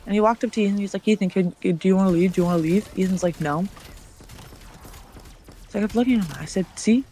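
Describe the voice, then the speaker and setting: A woman's voice: mid-range voice, quick pace, dark tone, a little hiss or hum. A woman streamer telling a long story in casual chat. She acts out the other people's lines and swears often.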